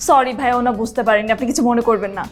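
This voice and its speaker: An actress playing a brisk, kindly young sister-in-law who reassures others in a TV drama. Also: female voice, on the high side, faint music behind, lightly acted. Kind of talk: TV drama acting.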